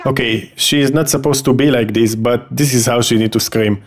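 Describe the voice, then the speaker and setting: A man's voice: medium pitch, fairly even intonation, a little fast. A man hosting a reaction video, commenting in a casual, mocking, jokey way.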